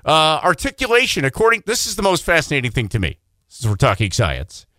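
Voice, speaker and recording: A man co-hosting a radio morning show, chatting casually in a quick, joking, self-deprecating way. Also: a little high, wildly swooping pitch, pushed and bright, no echo, clean studio sound.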